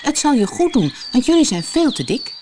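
A woman's voice: sits high, big pitch swings, moderate pace, a little mellow, slight background noise, voice pushed up. Kareltje, a woman doing a chirpy rabbit boy. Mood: encouraging. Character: cheerful lively young male rabbit.

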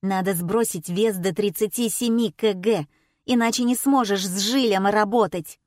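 A woman's voice: mid-range voice, unhurried, darkish tone, dry recording, studio quality, natural voice. Brief: a woman as a contemptuous stage assistant snapping at a newcomer, storybook reading. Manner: snapping, insulting. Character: rude, scornful female magician's assistant.

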